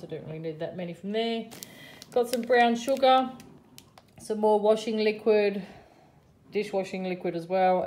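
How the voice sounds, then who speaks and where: Her voice is fairly low and mellow, with a little hiss or hum on the recording. A middle-aged Australian woman, she casually walks through her grocery haul with plenty of ums and price comments, filming with a phone camera over a table at home in the kitchen or dining room.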